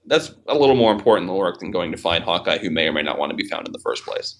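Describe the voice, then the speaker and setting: Low-voiced man rambling on a podcast. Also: lively intonation, very fast, fairly bright tone, slight background noise. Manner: rambling, frequent fillers and restarts, swears casually. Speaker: podcast host. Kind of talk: casual chat.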